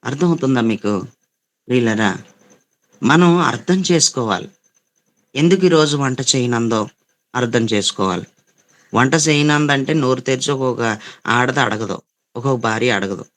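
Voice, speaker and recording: A man's voice: mid-range voice, normal speed, pauses often. A male pastor with a Telugu accent delivers a sermon in a scolding, repetitive way. He drives each point home by saying it twice and addresses the congregation directly. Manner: repetitive, scolding preaching with quoted voices.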